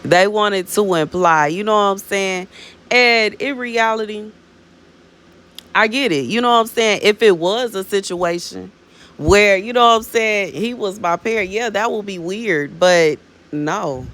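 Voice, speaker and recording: Speaking at a measured pace in a mid-range, fairly bright voice, a woman in her thirties ministers to viewers with prophetic words. The talk is relaxed and wandering, peppered with "you know what I'm saying" and "baby."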